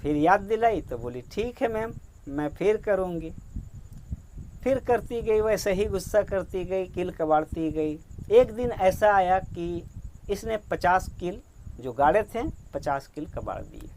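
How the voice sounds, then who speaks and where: A man's voice: sits high, expressive, unhurried, a little mellow, slight background noise. A man telling a moral story as parenting advice, with an earnest storytelling manner and quoted dialogue. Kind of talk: storytelling narration.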